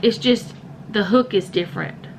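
A woman's voice: medium pitch, moderate pace, slight background noise, rough recording. Chatty woman showing her home. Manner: chatty, rambling, self-correcting. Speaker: home vlogger. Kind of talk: casual show-and-tell vlog. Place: home, indoors.

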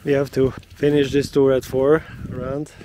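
A man narrating his mountain hike for a vlog, outdoors, in a halting way that restarts and repeats words. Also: medium pitch, level tone, warm tone, a little hiss or hum. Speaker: hiker filming his trip. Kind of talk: casual vlog narration on the trail. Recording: music over the outdoor audio. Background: background music.

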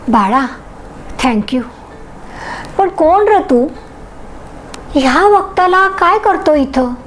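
A woman narrating a short story in a gentle, unhurried way. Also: sits high, a little hiss or hum, low-quality recording.

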